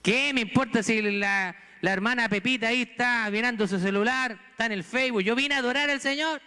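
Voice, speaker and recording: A man's voice: very high-pitched, a little fast, sharp tone, clean tone, long reverb tail. A man from Chile, a pastor with a Chilean accent, preaching a sermon earnestly and pressing the congregation with rhetorical questions. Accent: Chilean Spanish. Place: church sanctuary.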